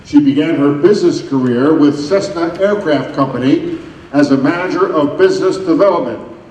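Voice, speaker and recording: Man, event announcer, scripted introduction, slightly high voice, distant and echoey. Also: normal speed, a little mellow. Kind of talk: scripted public-address introduction. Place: large echoing sports venue. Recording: echoey hall public address, distant.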